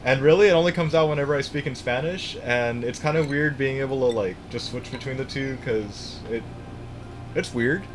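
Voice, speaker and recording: Playing a game on stream, a young man from the US chats casually in a mid-range voice, talking a little fast while rambling, cursing, and restarting his sentences. Background noise can be heard.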